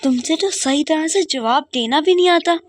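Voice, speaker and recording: A woman's voice: sits high, moderate pace, dry recording, lightly acted. A woman voicing a rude, bossy older sister princess who snaps scornfully in a doll game. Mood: snappy. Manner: snappy and scornful.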